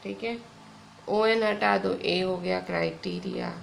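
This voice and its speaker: A woman's voice: fairly low pitch, fairly even intonation, vocal fry, a little hiss or hum. A young woman teacher with an Indian accent, patiently explaining grammar in an online lesson. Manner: slow, patient explaining with frequent "theek hai". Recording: echoey room with faint ambience.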